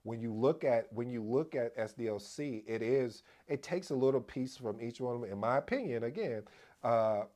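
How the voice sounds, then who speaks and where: A man hosting a casual explainer video on project management, addressing viewers as family, energetic and prone to restarts. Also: medium pitch, normal speed. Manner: restarts and repeats himself as he talks. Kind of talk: casual explainer talk to camera.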